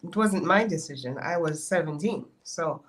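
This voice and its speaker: A woman from Jamaica with a Jamaican accent, telling her story as an interview guest in a playful, animated way. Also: deep voice, moderate pace. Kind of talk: casual interview chat.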